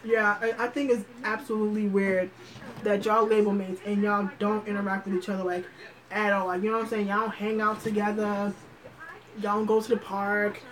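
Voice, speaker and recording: A woman's voice: medium pitch, level tone, fairly quick, rough recording. Rambling, slangy woman chatting on a livestream. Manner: thinks aloud with many fillers and restarts. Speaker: livestream host. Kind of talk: casual livestream chat.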